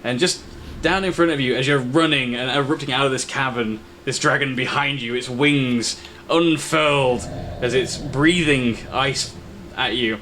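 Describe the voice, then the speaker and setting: A man acting as game master, telling an improvised tabletop adventure in short, halting, descriptive phrases. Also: medium pitch, bright, forceful tone. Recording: faint background noise.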